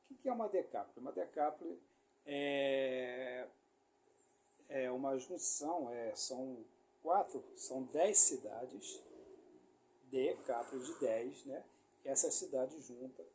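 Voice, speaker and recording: A man's voice: mid-range voice, dark tone, a little hiss or hum. A man from Rio de Janeiro with a Carioca accent, teaching a loose, rambling sermon full of fillers and tag questions. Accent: Brazilian Portuguese, Rio de Janeiro. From Rio de Janeiro, Brazil. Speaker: preacher.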